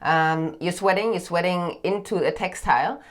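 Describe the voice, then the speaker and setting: Brief: German woman, 30s, low voice, co-host explaining in a home sauna room. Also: moderate pace. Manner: explaining with many fillers and restarts. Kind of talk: casual chat.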